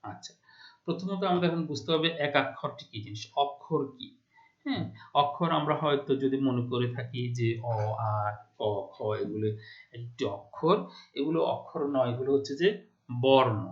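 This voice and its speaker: A man's voice: mid-range voice, normal speed. Bangladeshi man teaching with lo-fi sound. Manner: explanatory, keeps checking if students follow. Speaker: Bengali teacher. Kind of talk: classroom lecture.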